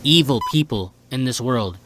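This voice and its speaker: A male video host gives casual, slangy reaction commentary, sounding incredulous, partly reading text aloud and often calling the viewer "bro." His mid-range voice is expressive and a bit bright at normal speed, with slight background noise.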